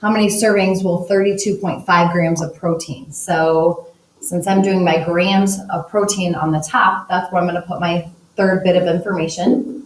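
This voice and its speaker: A woman's voice: on the low side, fairly even intonation, normal speed. A woman teacher talking through math problems step by step, working as she writes and uses a calculator. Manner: talks through steps while writing and using a calculator. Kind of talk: recorded math lesson. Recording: echoey room, voice a bit distant from the mic.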